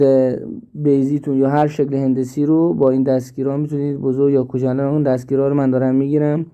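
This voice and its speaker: A man teaching an app step by step, slowly and with repeats, in a screen-recorded tutorial. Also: medium pitch, dark tone, clear, resonant tone, highs cut off. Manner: slow step-by-step explaining, repeats himself. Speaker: instructor.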